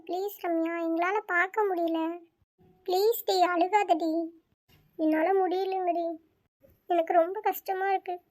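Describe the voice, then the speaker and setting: A caring young woman in a cartoon story, voiced by a woman, coaxing a friend to stop crying. Her voice is very high and soothing. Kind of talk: cartoon voice acting.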